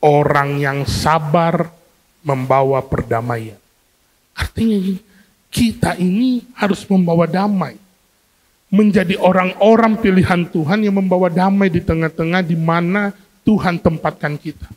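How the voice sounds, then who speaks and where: High-pitched pastor guy preaching, keeps asking the crowd stuff, big echoey church hall. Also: moderate pace. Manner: lively, asks the congregation questions, acts out everyday scenes. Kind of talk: sermon. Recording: long hall reverb from a church.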